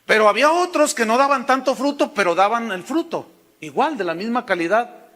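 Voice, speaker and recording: A Mexican-accented pastor preaching in a high, bright voice, telling homely stories and calling listeners "brother". His sermon rings through a long reverb in a church. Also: expressive, fairly quick. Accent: Mexican Spanish. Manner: folksy storytelling, addresses listeners as hermano.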